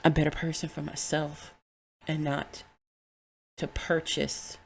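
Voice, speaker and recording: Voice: mid-range voice, level tone, slow pace, creaky, slight background noise. A podcast host giving a candid, heartfelt solo monologue, with casual swearing.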